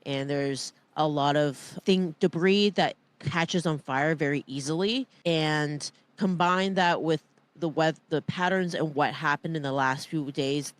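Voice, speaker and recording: Female podcast co-host, smooth clear voice, chatty and self-deprecating, casual delivery. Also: sits low, unhurried, no echo.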